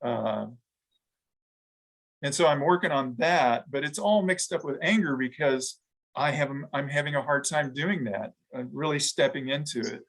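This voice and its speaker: A middle-aged man, a guest in an interview, talking reflectively with frequent pauses, fillers and restarts. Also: on the high side, fairly bright tone, low-quality recording. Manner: halting, thoughtful, many restarts and fillers. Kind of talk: reflective conversation.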